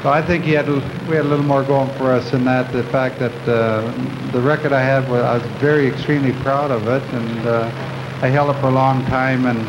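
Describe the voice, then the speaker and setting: An older man answering questions at a press conference, halting and reflective, with many pauses. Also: medium pitch, fairly even intonation. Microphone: table microphones at the podium. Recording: dull, noisy old video recording.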